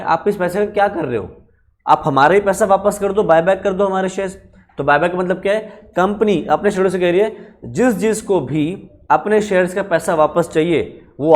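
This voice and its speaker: Guy with a higher voice teaching accounting in class, chatty, keeps quizzing students. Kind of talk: classroom lecture.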